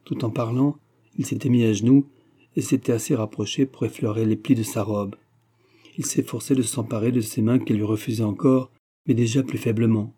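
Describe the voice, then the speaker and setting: A man reading a classic novel aloud in a measured, even narration. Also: lowish voice, husky. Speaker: audiobook reader. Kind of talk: scripted narration.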